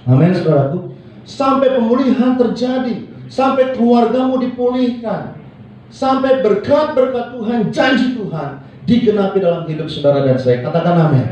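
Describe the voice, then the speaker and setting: A man preaching with a high, mellow voice in a church hall, calling on the congregation to repeat his words. The sound is roomy and echoey, picked up from a distance with faint ambience behind him. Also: expressive, moderate pace, dull audio, slight background noise. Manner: call-and-response preaching, acts out quoted people. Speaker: pastor. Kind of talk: sermon. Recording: echoey hall, mic from far off.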